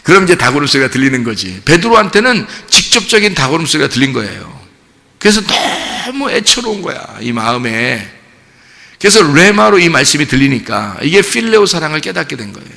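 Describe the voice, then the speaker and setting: A male pastor preaching a sermon in a church, chatty and questioning, acting out quoted voices and swinging between hushed lines and shouts. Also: fairly high pitch, big pitch swings, fairly quick, creaky. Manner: conversational, asks the congregation questions and laughs often. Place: church sanctuary. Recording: long reverb of a church hall.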